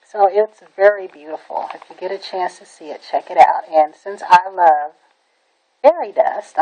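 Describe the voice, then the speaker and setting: A woman's voice: lowish voice, darkish tone, poor audio. Chatty woman demonstrating nail art. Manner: chatty and enthusiastic, with many "um"s and repeated "really, really". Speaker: nail art tutorial maker. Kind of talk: casual how-to demonstration.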